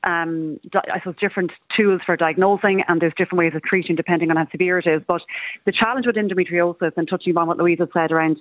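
A woman with a west of Ireland accent speaks at a quick clip, explaining things fluently in a panel discussion. The sound is dry and narrow, like a radio broadcast. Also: fairly low pitch, steady tone, no room sound. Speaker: politician, panel guest.

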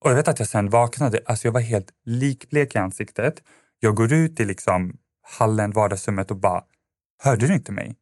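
Low-voiced man telling a story, dry sound. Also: a little mellow, no echo. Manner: rambling, many fillers and restarts. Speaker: podcast guest. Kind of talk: casual storytelling.

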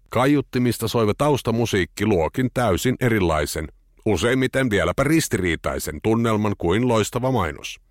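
Low-voiced man reading a reflective essay. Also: dry recording, clean studio sound. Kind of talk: scripted essay narration.

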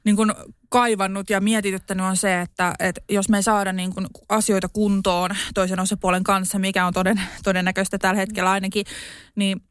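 A woman's voice: mid-range voice, clear, resonant tone, no room sound. Young woman chatting on a podcast, lots of fillers, dead dry close sound. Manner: chatty, many fillers, animated retelling. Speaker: podcast co-host. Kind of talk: casual chat.

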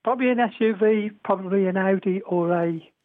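A man taking part in a phone-in contest, chatting casually in a calm, unhurried way with short answers over a phone line. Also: high voice.

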